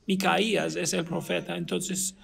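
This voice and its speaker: A male pastor preaching a sermon, retelling a Bible story with animated storytelling and emphatic, restarting phrases. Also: high voice, unhurried, creaky, breathy edge. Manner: animated storytelling, acting out the characters' dialogue.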